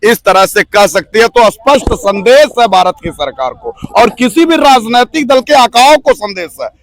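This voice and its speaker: A man's voice: very high-pitched, lively intonation, normal speed, fairly bright tone. A man speaking at a protest in a declamatory, rousing way.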